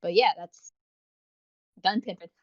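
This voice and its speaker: A woman co-hosts a casual review podcast, wordy and tongue-in-cheek, speaking slowly at a medium pitch. The recording is dull, dry and lo-fi, with no room sound.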